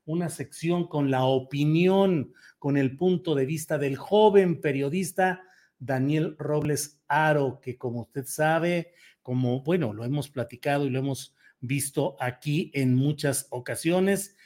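A man hosting a news show, presenting conversationally in a halting, wordy way with repeated phrases. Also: fairly high pitch, a little mellow.

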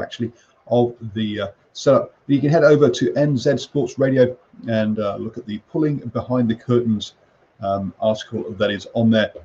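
A man presenting a morning sports briefing in a halting, hesitant way full of ums. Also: medium pitch, warm tone, dull audio. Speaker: sports show host. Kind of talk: morning sports news briefing, loosely scripted. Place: makeshift home studio under a roof in rain.

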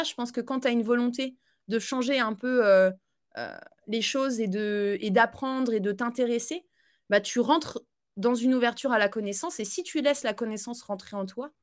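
A woman guest on a podcast, talking casually about her life in a halting way full of fillers and restarts, and laughing easily. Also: fairly high pitch. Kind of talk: casual conversational interview.

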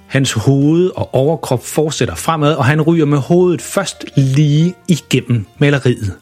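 A man's voice: mid-range voice, breathy edge. Playful male children's storyteller. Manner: lively, playful narration.

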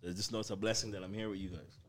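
A man's voice: fairly low pitch, steady tone, very fast. A man hosting a casual podcast, teasing his friends in slangy street talk. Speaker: podcast host. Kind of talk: casual banter among friends.

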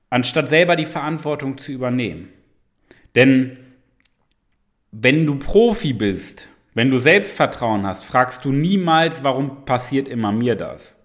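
A man's voice: mid-range voice, a bit bright. A man coaching the listener in a motivational monologue, emphatic and direct, often tagging on rhetorical questions. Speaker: self-help coach.

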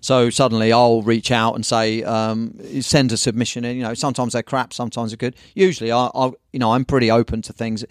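Fast-talking English surf-shop owner. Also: male voice, mid-range voice, no room sound, clean studio sound. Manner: rambling, animated storytelling with slang and swearing. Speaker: guest, surf magazine owner. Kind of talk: casual podcast chat.

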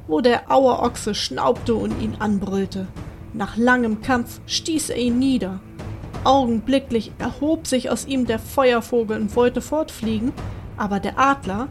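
A woman reads a bedtime fairy tale aloud to children. Her voice sits a little high and she keeps a calm, measured storytelling pace. The reading is steady and unhurried. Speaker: narrator.

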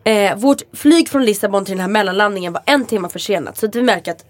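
Animated Swedish podcast woman, dry sound. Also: medium pitch, no room sound. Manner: animated storyteller, acts out quotes. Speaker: podcast co-host. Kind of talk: casual chat.

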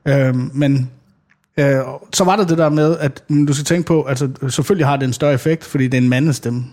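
A man chatting casually about fatherhood, animated and swearing freely, often bursting into loud acted quotes. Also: fairly high pitch. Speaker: father on a podcast. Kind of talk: casual chat.

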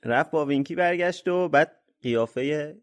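A man co-hosting a podcast, chatting casually about a book chapter. He is easygoing and laughs often. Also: on the high side. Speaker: podcast co-host.

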